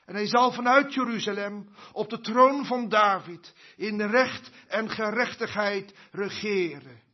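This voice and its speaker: A man's voice: high voice, breathy edge, dull audio. A man preaching a sermon in an earnest tone that rises to fervent, urgent calls.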